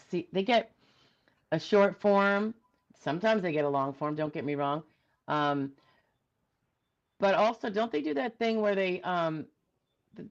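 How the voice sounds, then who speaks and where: A woman's voice: lowish voice, lo-fi sound. A woman attorney in a casual discussion, thinking aloud and checking in with "right?".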